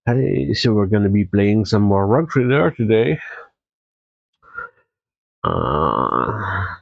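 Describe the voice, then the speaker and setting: A stuffy-nosed, tired man hosting a live game stream, talking in an unhurried, rambling way. His voice sits on the low side, and the sound is close and dry. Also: big pitch swings, vocal fry, no echo, muffled recording. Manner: easygoing, rambling with fillers and restarts. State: congested. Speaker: Twitch streamer. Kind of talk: casual live-stream chat.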